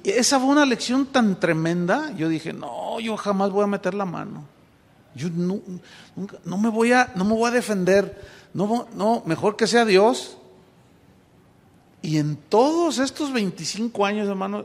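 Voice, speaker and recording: A man's voice: sits high, creaky, big-room sound. A man who is a pastor, preaching a sermon and telling a personal story, acting out the dialogue, with many restarts.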